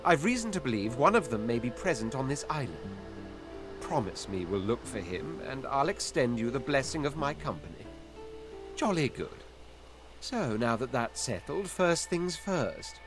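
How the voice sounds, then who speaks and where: A man performs a grandiloquent lizard prince for a video game. He is haughty and condescending, with theatrical phrasing and a lively, swooping delivery over game music. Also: medium pitch, normal speed, lightly acted. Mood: lofty, bargaining. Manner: pompous, theatrical, flowery phrasing. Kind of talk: video game character acting.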